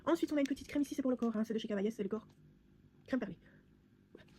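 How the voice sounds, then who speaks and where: A woman's voice: a little high, racing, mellow, a little hiss or hum. A young woman vlogging casually through her beauty products, chatty and rambling with many fillers and restarts. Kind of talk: casual product haul vlog.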